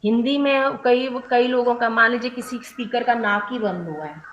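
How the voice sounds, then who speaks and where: A woman's voice: on the high side, moderate pace, a bit bright, lo-fi sound, a little hiss or hum. Woman trainer explaining rules step by step. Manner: mixes English terms into Hindi. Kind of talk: online training session.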